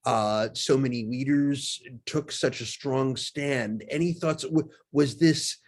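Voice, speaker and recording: A man's voice: mid-range voice, takes it slowly. A man from the audience on a video call, asking a thoughtful question with many restarts. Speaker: audience member.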